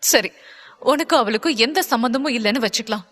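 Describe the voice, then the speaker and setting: A woman's voice: a little high, quick pace, fairly bright tone, long reverb tail. A woman voicing a heartbroken, accusing young lover. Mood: bitter. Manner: accusing, bitter, pleading. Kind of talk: audiobook character voicing.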